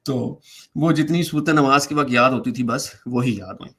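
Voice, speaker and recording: A man's voice: mid-range voice, slightly rough. A man speaking as a guest, casually recounting his own story and re-enacting the conversations in it. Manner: animated, re-enacts dialogue while recounting events. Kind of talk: casual spoken storytelling in a debate stream.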